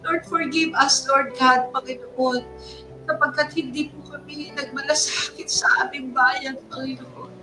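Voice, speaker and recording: A woman's voice: high voice, fairly even intonation, a little slow. A woman with a Filipino accent leading fervent intercessory prayer. She calls out "Lord God" between her phrases and moves between two languages. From Philippines. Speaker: prayer leader. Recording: distant mic with music underneath.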